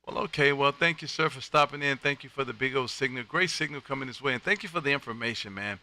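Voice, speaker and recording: Folksy and effusive, this American man runs an amateur radio livestream, chatting casually about ham radio and addressing listeners in a friendly way. He speaks fast at a medium pitch, his voice pushed and bright, with a little hiss or hum in the audio.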